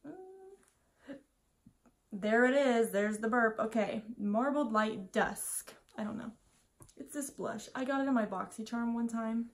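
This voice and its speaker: A woman in her twenties, a bit drunk on wine, chats her scattered, casual way through a makeup tutorial in a small home room. Her voice is fairly high and moderately paced, with a little hiss or hum, and she mutters self-deprecating comments to herself.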